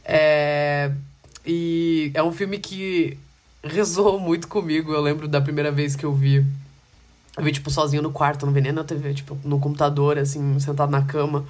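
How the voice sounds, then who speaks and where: A man's voice: fairly high pitch, little pitch movement, moderate pace, a little mellow. Enthusiastic Brazilian man chatting about films. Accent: Brazilian Portuguese. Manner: enthusiastic, informal. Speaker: film podcast co-host. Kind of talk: casual film discussion.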